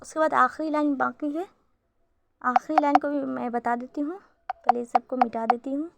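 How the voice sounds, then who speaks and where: A woman's voice: high-pitched, steady tone, moderate pace, gravelly, very noisy. A woman teaching a beginner Urdu reading lesson, patiently spelling out letters syllable by syllable.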